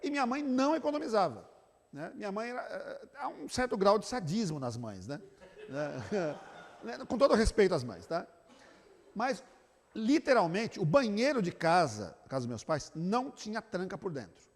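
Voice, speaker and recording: A man with a Brazilian accent, a pastor giving a church talk to couples, telling animated family stories and tagging his sentences with a questioning aside. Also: high voice, moderate pace. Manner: animated storyteller, acts out family scenes; tags sentences with "né?". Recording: long reverb of a church hall.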